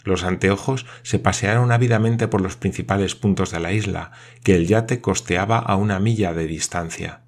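A man narrating an audiobook in a steady, dramatic reading. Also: sits low, moderate pace, hardly any pauses.

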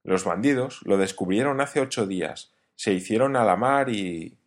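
A man's voice: lowish voice, lively intonation, moderate pace. A man doing a grave rescued castaway. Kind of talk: audiobook reading.

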